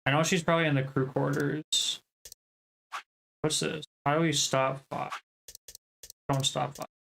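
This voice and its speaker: Dramatic let's play narrator. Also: male voice, a little high, flat delivery, a little slow, gravelly, a little hiss or hum. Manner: dramatic, acts out lines. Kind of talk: reading game text aloud with commentary. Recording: voice over loud game music.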